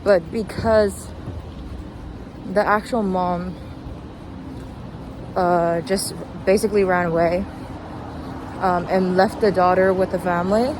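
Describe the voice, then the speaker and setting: A young adult woman vlogs while walking along a street, giving casual, rambling, hesitant commentary whose thoughts trail off. Her voice is fairly low and steady, slow with long pauses, and the noisy outdoor recording clearly picks up traffic and vehicle sounds.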